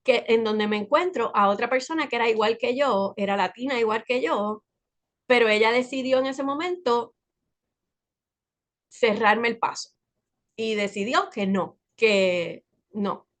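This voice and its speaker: A woman's voice: a little high, measured pace. A woman with a Puerto Rican accent, a guest sharing a personal story in a casual, conversational way with frequent tag questions. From Puerto Rico. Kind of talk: casual chat.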